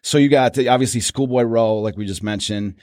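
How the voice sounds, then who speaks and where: A man's voice: medium pitch, a little fast, a little mellow, no echo. A man co-hosting a casual sports history podcast, rambling with many restarts. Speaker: podcast co-host.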